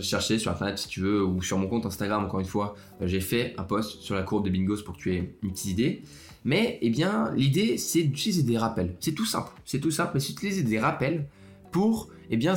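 Chatty young man in a roomy space. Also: medium pitch. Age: young adult. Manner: chatty, speaks directly to the listener, hesitant restarts. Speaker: student podcast host. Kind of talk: casual solo podcast talk. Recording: roomy echo with faint music.

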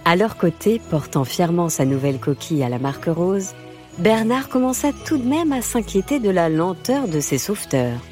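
A woman narrating a children's story in a lilting, expressive way. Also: on the low side, moderate pace. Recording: music bed under the voice.

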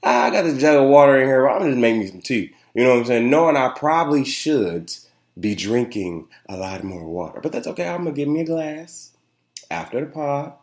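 Speaking a little fast in a sing-song, medium-pitched voice, the young solo podcast host sounds nasal and congested. His talk is rambling and chatty, loaded with fillers and frequent "you know what I'm saying" checks, and the room sound is echoey.

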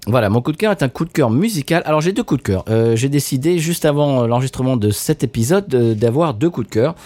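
A man's voice: mid-range voice, lively intonation, fast, a little mellow, dry recording. A man hosting a podcast, chatting casually to listeners with many hesitations and a playful tone. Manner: hesitant with frequent "euh", playful. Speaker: podcast host.

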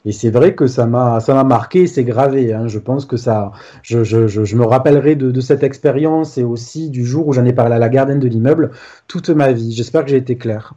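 A man's voice: mid-range voice, brisk, mellow. A man telling a personal ghost story in a casual, hesitant way, full of restarts and fillers. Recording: dull lo-fi sound.

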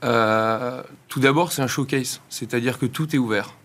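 A man giving explanatory answers as an interview guest, measured and articulate, pausing between phrases. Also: medium pitch, a bit bright. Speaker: institute director and founder, interview guest.

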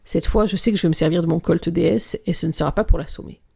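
A reader narrating a novel aloud at a measured pace, sometimes sinking into a whisper. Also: mid-range voice, creaky, dark tone, husky. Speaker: audiobook reader.

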